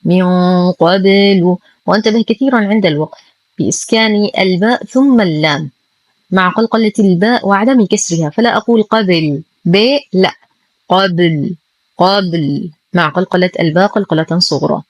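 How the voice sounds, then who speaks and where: A woman teaches Quran recitation, switching between quick explanations of the rules and very slow, carefully stretched-out model readings. Her voice sits in the mid range, and there's no echo.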